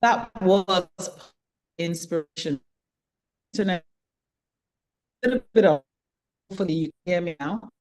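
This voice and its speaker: A woman speaking over a video call, with the call audio glitching and cutting out as she speaks in halting, broken-off phrases. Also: fairly low pitch, darkish tone, low-quality recording. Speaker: foundation founder, interview guest.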